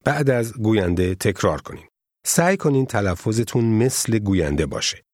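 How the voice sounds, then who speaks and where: A man narrating a scripted language lesson in a measured, formal teaching manner. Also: lowish voice, big pitch swings, a little mellow, no echo, studio quality.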